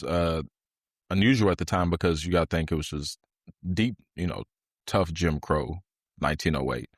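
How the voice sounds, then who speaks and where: Low-voiced man telling a story on a podcast. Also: no room sound, clean studio sound. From Louisville, Kentucky area. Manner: relaxed storytelling with frequent fillers. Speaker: podcast co-host. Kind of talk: casual chat.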